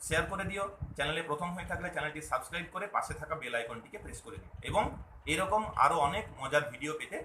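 A man teaches a video lesson with a bright, forward voice that sits a little high. He explains patiently, repeating points and asking himself questions before answering. The recording has a roomy echo and a faint hum behind him. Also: very fast. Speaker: Bengali language teacher.

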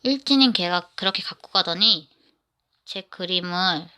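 A woman's voice: fairly low pitch, unhurried, sharp tone, clean tone. A woman narrating a personal story in the first person, rambling and often restarting her sentences.

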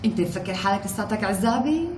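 A woman's voice: medium pitch, lively intonation, fast, noisy background, lightly acted. A woman with a Syrian accent acting as a chatty, insistent young wife in a comedy sketch. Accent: Syrian Levantine Arabic. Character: chatty young wife, busy with social plans. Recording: background music under dialogue.

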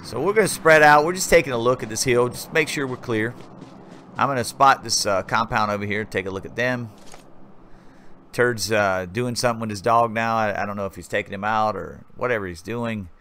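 A gaming channel host rambles casually over his gameplay footage, giving viewers a chatty play-by-play. His voice sits lowish and sounds sharp, moving a little fast, with slight background noise in the recording.

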